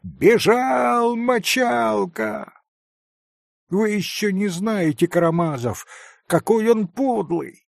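A man doing shrill shouting schoolboys. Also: slow pace, gravelly, dry recording, studio quality, full character voice. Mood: shrill jeering. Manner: high shrill shouting, drawn out. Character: excited boys, shouting and jeering.

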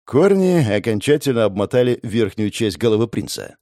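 Expressive male audiobook narrator. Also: lowish voice, normal speed, no echo, clean studio sound. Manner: animated, expressive storytelling. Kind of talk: scripted first-person fantasy narration.

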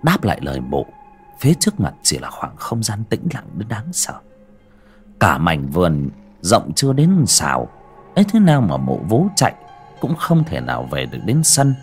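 A man narrating a horror story in a dramatic, expressive storytelling manner. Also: low-pitched, normal speed, faint music behind.

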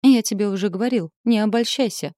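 A woman's voice: fairly low pitch, moderate pace, mellow, dry recording, studio quality, natural voice. A woman voicing a cruel male demon knight from hell who growls his threats. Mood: bitter. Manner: growling, menacing.

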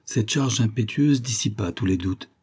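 A man reading an audiobook aloud, telling a first-person adventure with expressive, dramatic swells. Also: fairly low pitch, moderate pace, breathy edge. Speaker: audiobook narrator. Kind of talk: scripted audiobook narration.

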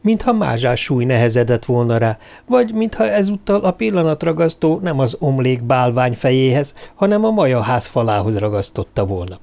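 A man narrating a novel as an audiobook, reading in a steady, measured way. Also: mid-range voice, gravelly. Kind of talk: scripted narration.

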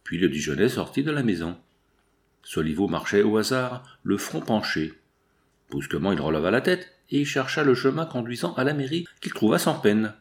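A man reading a classic novel aloud as an audiobook narrator, shifting his pitch for each character's lines. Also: sing-song, normal speed.

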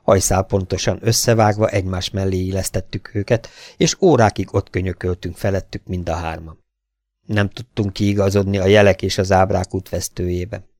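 A man narrating an audiobook in an even, unhurried reading voice. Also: deep voice, dry recording. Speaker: audiobook reader.

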